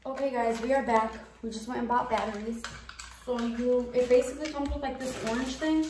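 A woman's voice: fairly high pitch, steady tone, a little fast, a little mellow. A young woman hosting a vlog, chatting casually and informally to the camera in an echoey, nearly empty room. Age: young adult. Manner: informal, swearing. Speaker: vlog host. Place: nearly empty bedroom indoors. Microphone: camera a few feet away. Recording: echoey room, distant mic, noisy.

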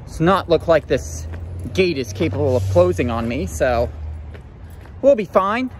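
Filming on his handheld phone, this urban explorer vlogger ambles through an abandoned mall's loading docks and grounds, muttering awestruck remarks. His voice is a little high with big pitch swings, his pace a little slow, and a slight hiss or hum sits in the recording.

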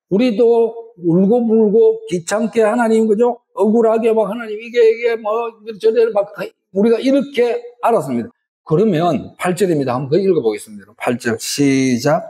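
High-voiced, mellow pastor preaching. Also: male voice, normal speed, low-quality recording. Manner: preaches with rising emphasis and frequent rhetorical tag questions. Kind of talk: sermon.

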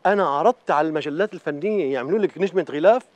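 An actor playing a calm, persuasive talent manager. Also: male voice, fairly high pitch, racing, natural voice. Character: talent manager reasoning with a singer.

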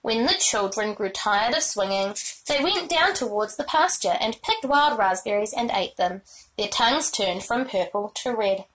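A woman reads a children's chapter book aloud, telling the story with expression. Her voice is bright and higher than usual. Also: lively intonation, normal speed, a little hiss or hum, rough recording. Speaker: reader.

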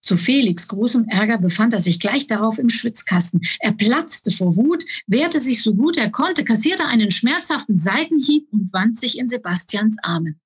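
A woman reads her children's book aloud in a calm, even storytelling voice. Her voice has a soft, breathy edge. She is recorded close up in a dry room. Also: a little high, moderate pace, few pauses, dry recording. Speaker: author reading her book.

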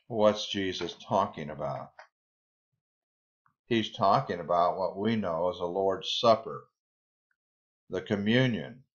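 Man preaching a Bible study, unhurried deliberate delivery, somewhat low voice, slightly dull lo-fi sound. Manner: slow, deliberate, reads scripture aloud then explains. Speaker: Bible teacher. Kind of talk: slow Bible study sermon.

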